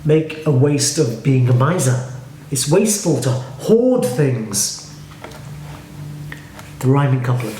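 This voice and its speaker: A man with a Liverpool accent teaching how to speak verse, brisk and opinionated, splitting each line into its halves. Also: medium pitch, expressive, warm tone. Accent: Liverpool English. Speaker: acting and speech coach. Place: home studio room. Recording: echoey room with faint noise.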